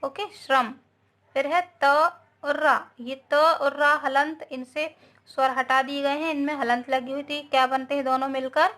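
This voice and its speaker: Woman, teacher, high voice, slow, patient, repeats herself, kids' grammar lesson. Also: little pitch movement, a bit bright. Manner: patient, repeats "okay" and "है ना", mixes English words.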